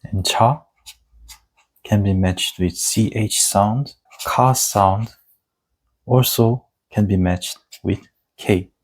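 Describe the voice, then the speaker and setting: Slow-speaking Korean man teaching. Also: lowish voice. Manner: slow, deliberate explaining with spelled-out letter sounds. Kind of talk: casual online lesson.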